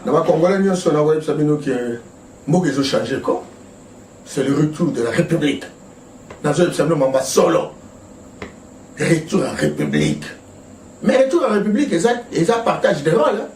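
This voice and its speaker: An emphatic man talks politics with a high, swooping voice that rises and falls constantly. He laughs often as he makes his points. He is heard from a distance in an echoey studio with a faint hiss. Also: expressive, brisk, pauses often, darkish tone. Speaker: political guest. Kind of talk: impassioned political talk. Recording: echoey room from far off.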